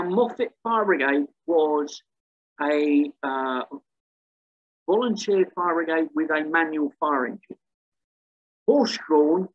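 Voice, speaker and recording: A man's voice: on the high side, breathy edge, narrow, tinny audio. A man giving a slide lecture on local history, hesitant, with many ums and restarts. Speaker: museum talk speaker.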